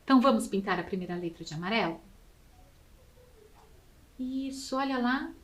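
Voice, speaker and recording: A woman's voice: on the high side, expressive, moderate pace. A woman teacher giving a video lesson for children, patiently counting and sounding out syllables aloud. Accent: Brazilian Portuguese.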